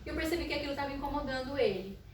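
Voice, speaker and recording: A Brazilian woman with a naturally loud, fairly high voice shares her school experience as a psychologist. She tells it as a story and keeps checking in with the listener with "né?". The sound is very echoey and a little distant, with faint room noise behind her. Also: expressive, racing. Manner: storytelling with frequent "né?" tags and soft laughs. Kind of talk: casual educational talk.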